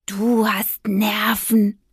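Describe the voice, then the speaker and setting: A woman's voice: mid-range voice, flat delivery, extremely slow, breathy edge, no echo, studio quality. A woman voicing a cheeky, sceptical talking tomcat in an audio story, grumbling in a half-whisper. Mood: worried.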